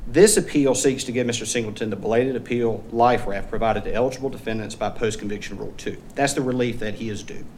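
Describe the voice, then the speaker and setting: A man arguing as a lawyer in court, speaking in a formal, measured and deferential way. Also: mid-range voice, a little mellow. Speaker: defense appellate lawyer. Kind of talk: formal oral argument. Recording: clearly noisy courtroom recording.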